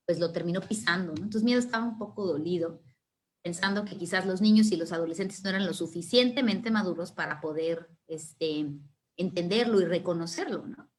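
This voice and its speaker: A middle-aged woman, a former kindergarten teacher, telling a story in a lively, conversational way. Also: medium pitch. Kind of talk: storytelling talk.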